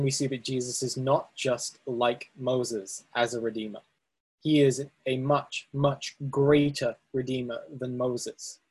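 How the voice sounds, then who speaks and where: This presentation recording features a man teaching Bible study to slides, breaking ideas down step by step amid fillers and restarts. His voice sits in the middle range with a breathy edge.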